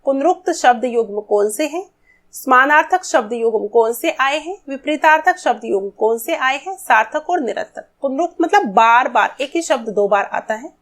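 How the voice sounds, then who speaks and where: A woman's voice: high-pitched, expressive, moderate pace, a bit bright. A woman teaching a lesson, talking straight to the children, asking questions and then answering them herself. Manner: addresses children directly, asks and answers her own questions. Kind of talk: classroom-style lesson explanation.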